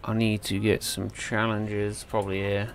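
A relaxed man chatting while he plays a game on a live stream, friendly and loose, tossing out "mate" and "bro". His voice sits a little low, with a faint hiss behind it. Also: moderate pace. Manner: relaxed, chummy, calls people mate and bro. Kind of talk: casual gaming chat.

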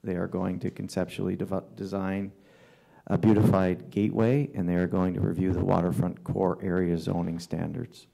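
A man delivering a town councillor's report at a council meeting, halting often with fillers and restarts. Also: sits low, little pitch movement, creaky, dark tone. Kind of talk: formal council report with ad-libbed remarks. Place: council chamber.

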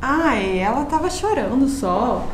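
A woman's voice: high-pitched, very animated, slow pace, exaggerated voice. An actress playing a scheming mother who taunts her daughter and fakes panic to her ex. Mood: wheedling. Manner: mocking, then fakes panic on the phone. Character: manipulative mother, adult woman, scheming. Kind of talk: melodramatic short-drama acting.

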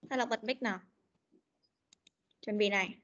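A young woman teaching an online pronunciation drill over a video call, correcting and repeating words slowly and patiently. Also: mid-range voice, fairly bright tone, dull audio. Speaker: English teacher.

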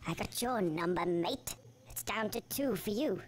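A man's voice: sits high, animated, a little slow. An actor voicing a grumpy, foul-mouthed male game character who grumbles and swears, heard through game audio with noise. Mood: irritated.

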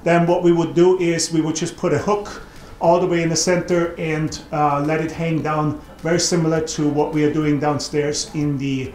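A renovation vlogger strolls through the big wooden attic he's working on indoors, narrating casually and thinking out loud with lots of ums and restarts. His voice is a little high at a moderate pace, picked up by a camera mic that's often off-camera, with echo and slight background noise.

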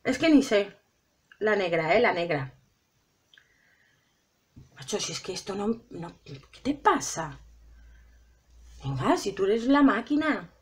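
A middle-aged beauty vlogger with a Spanish accent from Spain chats to her viewers while doing her makeup, talking to them directly in a dramatic, self-dramatizing way. Her medium-pitched voice is sing-song and slow, with long pauses.

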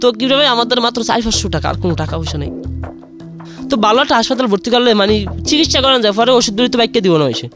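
A man's voice: extremely high pitch, lively intonation, rapid-fire, music in the background. A young man, rambling through an emotional personal story as a radio caller and saying "brother" again and again. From Bangladesh. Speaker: caller sharing a confession.

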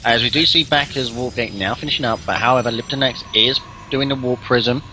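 A man casting a live video game match, getting excited at big plays. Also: medium pitch, a little fast, slight background noise. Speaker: esports caster.

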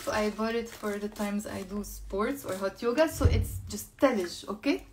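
A woman with a Lebanese accent teaching Arabic in a casual live lesson, repeating words slowly, mixing English and Arabic, and thanking viewers for their comments. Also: mid-range voice, background noise.

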